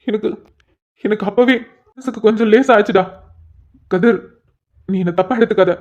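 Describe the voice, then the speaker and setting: A man's voice: sits high, darkish tone, close to an everyday voice. A man voicing an anxious, lovesick police officer in a storybook cartoon, pleading and stammering when upset. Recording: dull lo-fi sound.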